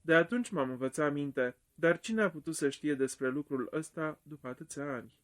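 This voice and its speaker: A cool, self-possessed doctor, as an audiobook reader puts him on, talking his way around things. The voice sits slightly high. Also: close to an everyday voice. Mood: guilty. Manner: composed, evasive. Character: smooth middle-aged male doctor, self-possessed.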